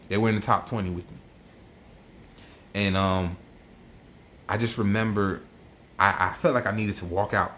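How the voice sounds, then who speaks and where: A man telling a personal story as a vlogger, emotional and worked up, often repeating himself. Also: lowish voice. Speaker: army NCO vlogger.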